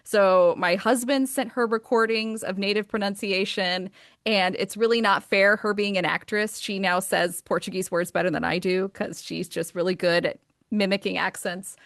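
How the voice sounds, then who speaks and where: An American woman in her thirties, an author from the United States, talks about her books as a guest in a casual interview conversation. She's enthusiastic and chatty with frequent fillers, her mid-range voice fairly even in intonation, normal in speed, and a bit bright. The audio is studio quality with no echo.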